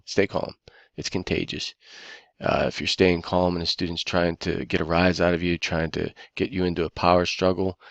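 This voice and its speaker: A man narrating a training presentation in a measured, instructive way. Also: low-pitched, gravelly, a bit bright, dry recording.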